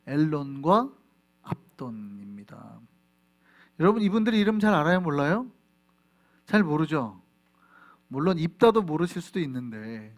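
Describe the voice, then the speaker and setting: A man preaches a Sunday sermon in a church, his voice sitting high and swinging widely in pitch. He keeps asking his listeners questions and answering them himself. A low electrical hum runs beneath the recording. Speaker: pastor. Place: church sanctuary.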